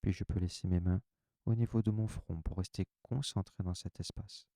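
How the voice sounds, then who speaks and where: A man leading a guided relaxation session, giving calm, soft, unhurried instructions in the first person. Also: deep voice, no room sound, studio quality.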